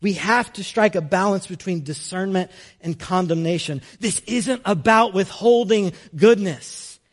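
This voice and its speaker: A man's voice: high voice, measured pace. A young man preaching a conversational sermon in a storytelling way, often using "like" as a filler.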